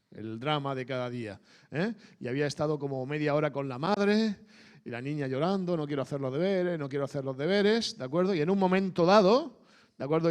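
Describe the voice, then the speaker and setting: Man, somewhat high voice, animated sermon, keeps asking the audience, church hall. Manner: animated, asks the audience frequent questions. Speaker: preacher. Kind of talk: conversational sermon.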